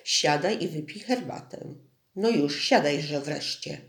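A stern, weary village mother, as an audiobook narrator puts her on, clipped and scolding, never letting her feelings show. Her lines come at a middling pitch, and the reading carries a roomy echo. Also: animated, slow. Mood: angry. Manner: curt and scolding. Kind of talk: audiobook dialogue.

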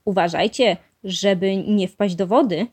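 A woman reading a children's storybook aloud, voicing an eager, brave little boy mouse with excited exclamations. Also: medium pitch, unhurried, slightly rough. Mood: cheerful.

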